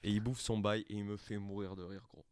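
Lowish-voiced young man in crude, laughing banter. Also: little pitch movement, fairly quick, a little mellow, clear, resonant tone, dry recording. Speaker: podcast co-host. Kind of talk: casual chat.

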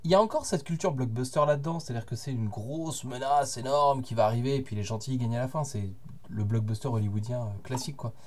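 A man co-hosting a podcast, explaining his view in measured casual chat with hesitant fillers. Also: medium pitch, darkish tone. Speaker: podcast co-host.

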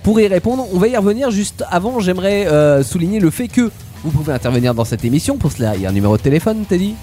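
Mellow-voiced male radio host. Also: high voice, big pitch swings, quick pace, faint music behind. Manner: presents segments, explains at length. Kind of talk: casual radio chat.

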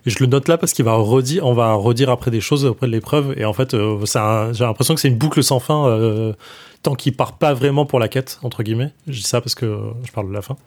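A man co-hosting a casual book club podcast, hesitant and full of fillers but easily excited. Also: medium pitch, brisk. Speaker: podcast co-host.

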